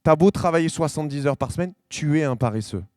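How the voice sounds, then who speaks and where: A man preaching a sermon, talking to the congregation as tu and slowing to lean on each quoted verse. His voice sits on the high side for a man. The sound is dry and close, with little room echo. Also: expressive, a little mellow. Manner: conversational preaching, addresses listeners with tu, frequent restarts; slows and stresses scripture quotes. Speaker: pastor. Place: church hall.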